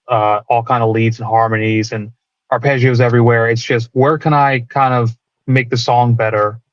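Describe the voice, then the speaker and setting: A band guitarist is interviewed, talking about music in a casual, reflective, rambling way. His voice is medium-pitched, and the recording is dry with the highs cut off.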